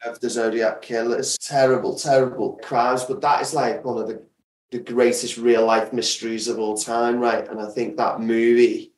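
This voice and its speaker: An audio drama creator speaks as an interview guest, his average-pitched voice distant from the mic and echoing roomily. He's casual and enthusiastic, stressing and repeating words for emphasis, though his delivery is flat and his pace moderate.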